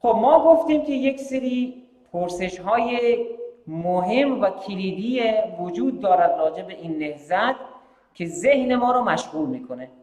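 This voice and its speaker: A man's voice: high voice, animated, darkish tone, echoey room, long reverb tail. A man preaching a sermon, asking rhetorical questions and repeating phrases. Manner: rhetorical questions, repeated phrases, shifts between Persian and English. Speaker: preacher hosting a live-streamed majlis. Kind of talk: sermon with announcements.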